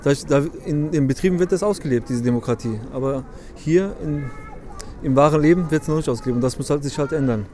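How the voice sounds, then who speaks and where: Guy in a street interview, talks fast and plain, faint city noise around. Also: fairly high pitch, a little mellow.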